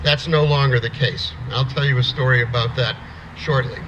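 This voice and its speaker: A man's voice: mid-range voice, steady tone, normal speed, a bit bright, highs cut off, slight background noise. A middle-aged man from the United States telling a plainspoken story at an outdoor rally, restarting words as he goes. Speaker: rally speaker.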